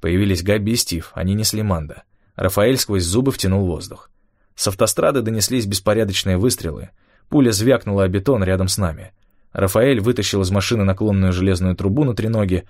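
A man narrating an audiobook in a steady, measured first-person storytelling manner. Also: on the low side, no room sound, clean studio sound.

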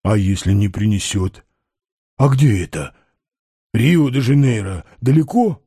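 A man voicing a naive, eager male sidekick with a scratchy voice and a pleading, drawn-out way of talking. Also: on the low side, lively intonation, dark tone, slightly rough, dry recording, studio quality, voice pushed down.

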